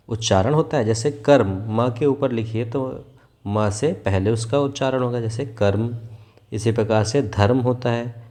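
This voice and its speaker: A male teacher with a warm, mid-range voice takes young children through a worksheet lesson. He explains patiently and repeats words slowly so the pupils can echo them.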